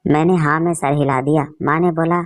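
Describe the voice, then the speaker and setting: A woman narrating an emotional story in a steady, feeling storytelling manner. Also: deep voice, fairly quick.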